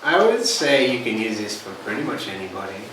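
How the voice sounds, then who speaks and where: A man's voice: lowish voice, expressive, brisk. A man teaching hypnotherapy informally and answering questions, with loose, hesitant conversational phrasing. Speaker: hypnotherapy instructor. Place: reverberant room. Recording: distant mic in echoey, noisy room.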